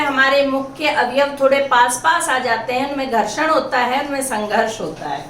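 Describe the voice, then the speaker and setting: A woman's voice: high voice, fairly bright tone. A woman teaching a Hindi grammar lesson, patiently spelling out each letter one at a time. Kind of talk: grammar lesson explaining consonants. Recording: echoey room, mic at a distance, faint hiss.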